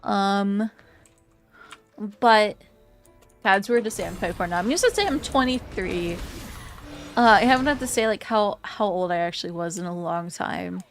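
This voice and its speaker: A VTuber in her twenties chats casually with her stream viewers, rambling and giggling with plenty of fillers. Her mid-range voice is animated at a normal speed, she pauses often, and soft music plays in the background.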